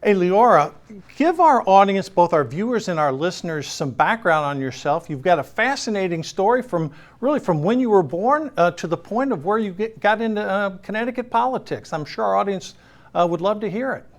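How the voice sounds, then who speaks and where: A man's voice: sits high, animated, fairly quick. A man hosting a political talk show, asking questions with frequent fillers and restarts. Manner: hesitant, many fillers and restarts. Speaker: show host.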